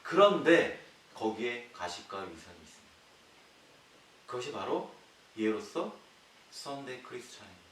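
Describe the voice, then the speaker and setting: A male pastor preaching a sermon, posing rhetorical questions to the congregation and swinging between loud emphatic lines and quiet low ones. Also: very animated, moderate pace, pauses often. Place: church sanctuary. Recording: echoey hall, distant mic, faint hiss.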